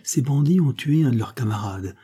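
A man's voice: medium pitch, animated, normal speed, dark tone, husky, pitched above the performer's own voice. A man reading an audiobook, voicing a stern male police sergeant who speaks in a curt, official tone.

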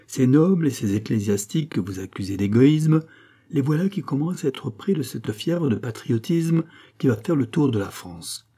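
A man's voice: medium pitch, animated, normal speed, warm tone, slightly rough. A man reading an audiobook, voicing a grave, brooding male doctor and philosopher who lectures earnestly. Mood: lecturing.

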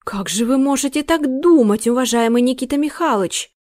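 Woman putting on a hoarse, fervent old butler. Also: animated, normal speed, a little mellow, lightly acted. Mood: indignant. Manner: indignant, raised pitch. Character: agitated superstitious male butler captain.

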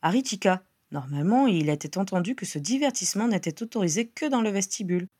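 A woman narrating a fan-written novel in a measured, expressive storytelling voice. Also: medium pitch, husky, no echo, clean studio sound. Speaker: audiobook reader. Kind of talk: scripted narration.

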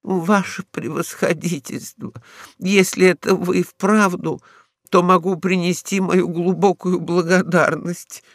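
A man's voice: high voice, fairly even intonation, takes it slowly, dry recording, clean studio sound, voice pushed up, full character voice. A man voicing a small, frightened, fawning male stray dog in a storybook reading, timid and servile.

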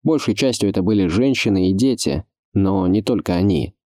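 A man giving measured, scripted audiobook narration. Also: low voice, a little mellow, no room sound, clean studio sound.

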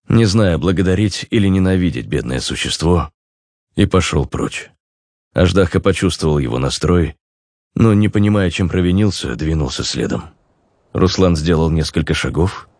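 A man narrating an audiobook in a measured, descriptive storytelling manner. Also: sits low, a little mellow, husky.

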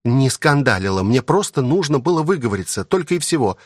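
A man's voice: mid-range voice, sing-song, fairly quick, no room sound, studio quality, voice pushed up. A man voicing a willful, pouty young noble girl in an audiobook, with a plaintive manner. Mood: insistent.

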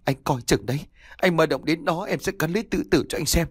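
A man voicing a young pregnant wife who is fierce and terrified, with a shrill, pleading manner. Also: expressive, moderate pace, dry recording, studio quality. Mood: furious.

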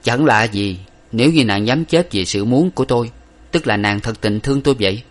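A man's voice: mid-range voice, expressive, brisk, natural voice. A man voicing an earnest young lover. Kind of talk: audiobook reading of an old novel.

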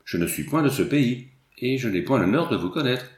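A man's voice: medium pitch, animated, brisk, close to an everyday voice. Reserved young painter read by a man, polite and wary, echoey room. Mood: guarded. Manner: polite, guarded.

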